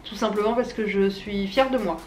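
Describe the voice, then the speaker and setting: A woman's voice: medium pitch, fairly even intonation, moderate pace, darkish tone. Young woman w braces, slangy chatty vlog talk, echoey room w a bit of noise. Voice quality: speaks with dental braces. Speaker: YouTuber and small business owner. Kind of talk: casual unscripted chat to viewers.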